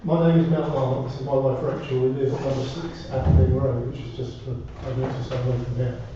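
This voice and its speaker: A man speaking as a resident at a public meeting, politely and hesitantly setting out a concern in measured phrases. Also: mid-range voice, level tone. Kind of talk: spoken address to a council. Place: indoor parish council meeting room. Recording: muffled, echoey room, distant mic, faint noise.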